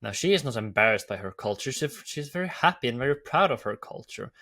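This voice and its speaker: A man's voice: mid-range voice, expressive, fast, bright, forceful tone. A man from Norway with a Norwegian accent, hosting an enthusiastic video commentary with repetitive phrasing. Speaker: YouTube host.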